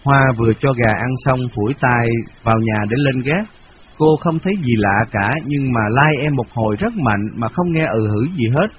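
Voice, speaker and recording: A man reading a novel aloud in a steady, measured storytelling voice, on a dull lo-fi radio recording. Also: medium pitch, a little hiss or hum. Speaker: narrator.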